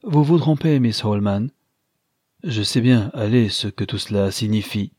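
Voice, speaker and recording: A man's voice: lowish voice, a little slow, darkish tone, dry recording, clean studio sound. A man reading an audiobook, voicing a young engineer who banters playfully. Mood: teasing. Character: young male engineer, teasing and gallant.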